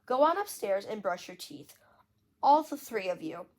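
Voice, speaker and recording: A woman reading aloud, voicing a calm, patient teenage babysitter. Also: mid-range voice, normal speed. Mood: gentle.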